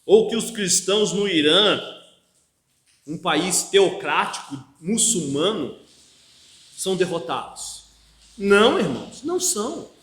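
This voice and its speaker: A Brazilian man preaches from the pulpit in a high, ringing voice. His Brazilian Portuguese accent carries through an echoey church hall. He presses his points hard and keeps asking his listeners for agreement. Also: sing-song, slow, pauses often, fairly bright tone. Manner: emphatic preaching with frequent call-and-response "amém?". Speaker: pastor. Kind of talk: expository sermon.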